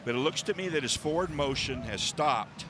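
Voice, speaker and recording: Measured male rules analyst, noisy background. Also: fairly high pitch, animated. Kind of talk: explanatory sports rules commentary. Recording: broadcast with clear outdoor noise.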